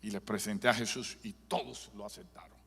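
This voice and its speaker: A man's voice: lowish voice, fairly even intonation, fairly quick, gravelly, sharp tone, breathy edge. A male pastor giving a live sermon, telling a dramatic story and building to fervent preaching in a church. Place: church sanctuary. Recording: long church hall reverb.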